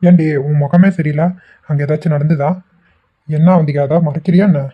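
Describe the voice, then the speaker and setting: A man's voice: on the high side, fairly even intonation, fairly quick, natural voice. A man voicing a teasing, pushy young husband. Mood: coaxing. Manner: teasing, insistent questioning. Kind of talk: cartoon voice acting. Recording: tinny phone-like audio.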